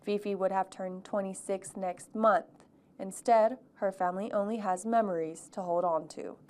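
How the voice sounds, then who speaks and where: A young woman, a TV news reporter, reading a measured news package. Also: medium pitch, steady tone, a little mellow. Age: young adult. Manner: measured, clear reporter delivery.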